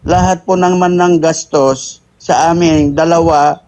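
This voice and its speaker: A man's voice: a little high, fairly even intonation, measured pace, darkish tone. A man defending himself and explaining his side to the host. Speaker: husband answering a complaint. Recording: dull, lo-fi sound.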